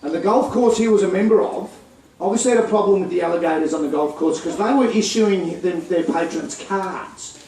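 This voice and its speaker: A man's voice: high-pitched, fairly quick, dark tone. An Australian man presenting a crocodile feeding show to a live crowd, teasing the audience with jokes. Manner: jokey, teasing banter with the audience. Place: outdoor crocodile farm show area. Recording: echoey sound from a distance.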